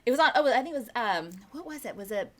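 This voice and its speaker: A woman co-hosting a casual podcast chat, animated, laughing often and talking with lots of fillers. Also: a little high, fast talker. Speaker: podcast co-host.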